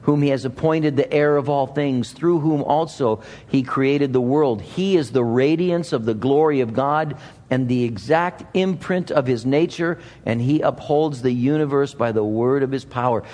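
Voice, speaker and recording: A man's voice: medium pitch, moderate pace, mellow. A man preaching a sermon as a pastor, speaking earnestly and repeating phrases for emphasis. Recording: reverberant large hall.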